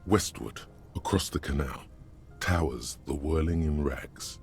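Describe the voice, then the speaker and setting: An actor voicing a brooding, solemn narrator in a video game, speaking slowly and gravely. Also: male voice, rumbling low, soft background music, heavily acted. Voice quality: gravelly, slow and measured.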